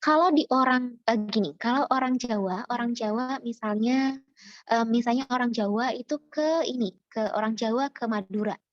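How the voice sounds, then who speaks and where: A woman from Java, a university lecturer, speaking in a chatty, animated way with many fillers, as a webinar speaker. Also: a little high, moderate pace, dry recording, muffled recording. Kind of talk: informal lecture. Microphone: video call.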